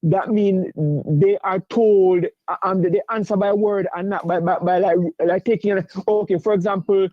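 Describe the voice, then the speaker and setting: A high-pitched male caller from Jamaica who stumbles through his sentences with constant restarts and filler words, yet keeps pressing the same point over and over. The line comes through dull and lo-fi, with a dry, close sound. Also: steady tone, no room sound. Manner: halting, many stammered restarts and fillers; insistent, repeats himself. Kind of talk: call-in sports debate.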